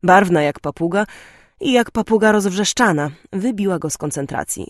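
A woman reading an audiobook aloud, telling the story in a clear, expressive way. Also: mid-range voice, moderate pace, dry recording, studio quality. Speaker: audiobook narrator. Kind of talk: audiobook narration.

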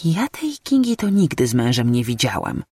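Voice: mid-range voice, wildly swooping pitch, moderate pace, a little mellow, breathy edge, dry recording, studio quality, full character voice. A reader voicing a nosy elderly neighbour woman who chatters eagerly and pries. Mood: gossiping.

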